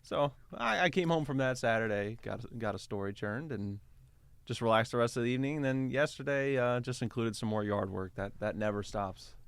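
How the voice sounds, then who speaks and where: A man's voice: medium pitch, brisk, gravelly, clean tone, no room sound. A man with a Midwestern American accent, chatting in an easygoing way on a podcast. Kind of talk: casual podcast chat.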